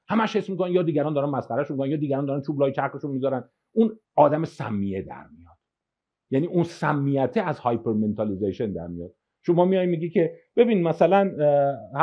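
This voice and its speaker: Man lecturing, slightly high voice, very lively intonation, dull lo-fi recording. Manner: animated, acts out everyday examples; mixes in English technical terms.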